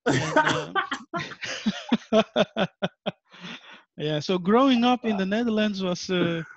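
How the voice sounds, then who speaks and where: A relaxed man with a high voice hosts a casual conversation and gives short, easy replies of agreement. His voice comes through a dull, lo-fi line, and the sound is dry with no room around it. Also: extremely slow, dry recording.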